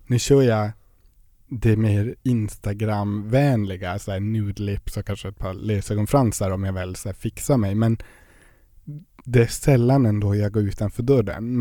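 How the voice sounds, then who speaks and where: A man's voice: lowish voice, dark tone, no room sound. Young guy w rambling thru a story, lots of fillers, dead dry mic. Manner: chatty storytelling with many fillers. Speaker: podcast guest. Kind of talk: casual interview chat.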